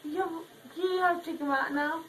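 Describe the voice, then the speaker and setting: A woman's voice: high-pitched, fairly even intonation, brisk. A woman in her twenties, groggy, confused and whiny on laughing gas, slurring as a dazed patient in a dental chair. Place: small dental treatment room, indoors. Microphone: phone at arm's length. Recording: noisy handheld phone recording.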